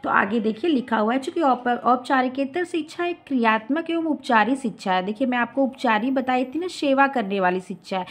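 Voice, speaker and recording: Hindi-speaking woman teacher, lively rhetorical lecture. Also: sits high. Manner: mixes English terms into explanations, asks rhetorical questions. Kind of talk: classroom lecture explaining notes.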